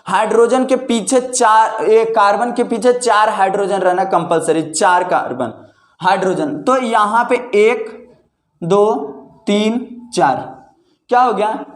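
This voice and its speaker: A man's voice: high-pitched, slow pace. A man teaching a chemistry lesson, asking questions aloud and answering them himself. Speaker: chemistry tutor. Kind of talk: classroom-style lesson. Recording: echoey room.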